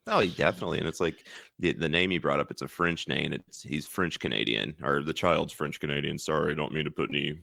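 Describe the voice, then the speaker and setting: A man co-hosting a casual podcast chat, animated and ranting, often stammering and restarting his sentences. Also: a bass voice, fast, gravelly, few pauses, no echo, clean studio sound. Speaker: podcast co-host.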